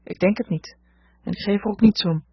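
A woman's voice: mid-range voice, a little fast, husky, dry recording. A woman voicing an impulsive teenage girl who speaks urgently and blames herself, in a dull lo-fi recording. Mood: self-reproaching. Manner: urgent, self-reproaching. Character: anxious impulsive teenage girl, older sister.

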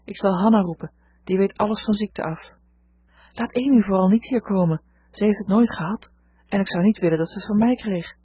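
A woman's voice: medium pitch, fairly quick, slightly rough, no echo. A woman reading an anxious teenage sister. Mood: earnest. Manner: urgent, self-reproaching. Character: anxious impulsive teenage girl, older sister. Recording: dull lo-fi recording.

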